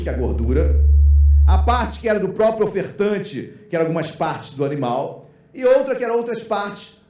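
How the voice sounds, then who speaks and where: High-voiced Brazilian pastor preaching. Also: male voice, reverberant. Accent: Brazilian Portuguese. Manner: emphatic, addresses congregation warmly as "queridos". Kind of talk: sermon.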